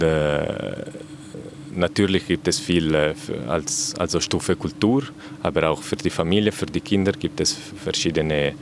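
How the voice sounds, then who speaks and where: A man with an Italian accent, a native Italian speaker, describing attractions haltingly with many fillers. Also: low voice, a little hiss or hum. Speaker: technical manager. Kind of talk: interview answers.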